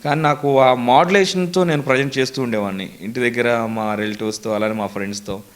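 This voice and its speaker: A man's voice: mid-range voice, steady tone, fast talker. A young man answering an interviewer's questions in an earnest, storytelling manner. His voice sits in an ordinary middle register. He moves steadily through memories and lists of names. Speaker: mimicry artist, interview guest.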